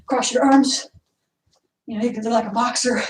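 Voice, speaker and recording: A woman's voice: fairly high pitch, steady tone, normal speed, distant mic, a little hiss or hum. A woman instructor leading an online martial arts workout, cueing and counting moves, getting out of breath. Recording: echoey room, voice from afar.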